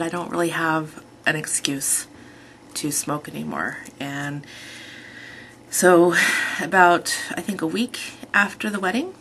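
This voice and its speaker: Woman in her thirties, low gravelly voice, rambling casual vlog talk, faint hiss behind. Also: a bit bright. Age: 30s. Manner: rambling, chatty, self-correcting. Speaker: vlogger.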